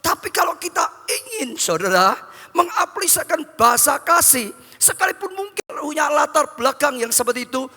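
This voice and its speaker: Male pastor, high bright voice, repetitive preaching cadence, reverberant church hall with faint music. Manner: repetitive, addresses the congregation as brothers. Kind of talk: sermon.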